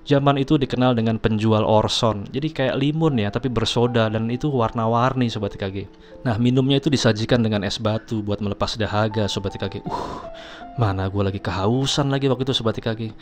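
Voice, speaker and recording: A man's voice: on the low side, a little fast, faint music behind. A man casually telling a personal story, chatty, keeps addressing his viewers. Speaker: storyteller host.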